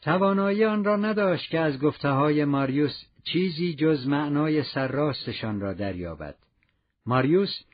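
Man, audiobook narrator, measured, literary, somewhat high voice, muffled lo-fi sound. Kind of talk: scripted narration. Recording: dull lo-fi recording.

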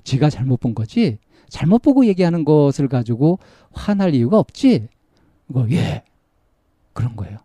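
Mellow husky man recounting a counseling case. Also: medium pitch, no echo. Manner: recounts dialogue, acting out the child's replies; gentle, coaxing, many fillers. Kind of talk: storytelling about a counseling case.

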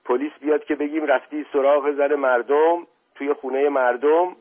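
A man voicing a stern, impatient older family patriarch, husky on a phone-like recording. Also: mid-range voice, expressive, voice pushed up. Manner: demanding, scolding.

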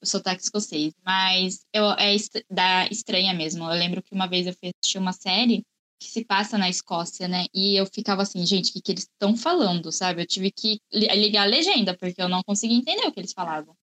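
A woman's voice: mid-range voice, brisk, pushed and bright. A woman in a casual film discussion, chatty and explaining at length.

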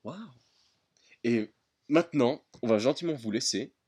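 A man co-hosting a casual chat, teasing his partner with quick playful reactions. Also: mid-range voice, darkish tone, husky. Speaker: podcast co-host.

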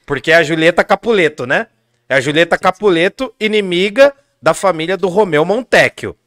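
A man's voice: sits high, expressive, fairly quick, fairly bright tone. A man, chatting casually and joking at his own expense as a vlogger. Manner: joking, self-mocking. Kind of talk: casual chat.

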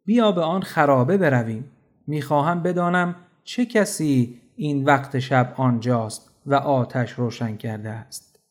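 A man's voice: medium pitch, close to an everyday voice. A man voicing a grave and just male ruler in a children's storybook, speaking earnestly. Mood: calm resolve. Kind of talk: storybook narration.

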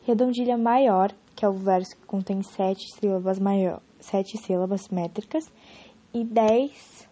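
A woman's voice: medium pitch, steady tone, measured pace, warm tone. A young woman giving an informal spoken lesson on poetry, explaining casually with frequent restarts and fillers.

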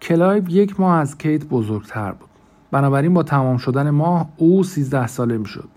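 A male narrator reads a novel aloud in a measured, scripted manner. When he reaches dialogue, he moves into a relaxed colloquial register for each character. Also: a little high. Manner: reads quoted speech of several characters in a conversational colloquial register. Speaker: audiobook narrator.

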